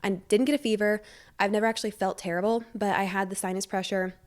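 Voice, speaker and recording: A woman's voice: medium pitch, fairly even intonation, fast. Stuffy-nosed, bubbly woman podcaster. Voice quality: stuffy, congested nose. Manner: bubbly, rambling, self-deprecating humor. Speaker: podcast host. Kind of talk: casual chatty solo podcast. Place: living room at home. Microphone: wired podcast microphone.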